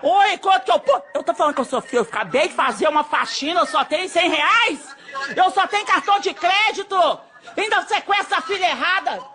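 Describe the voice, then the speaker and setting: A woman's voice: extremely high pitch, expressive, a little fast, bright, forceful tone, some chatter behind. A woman taking a phone call, flustered and exclaiming, with nervous laughter. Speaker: call recipient.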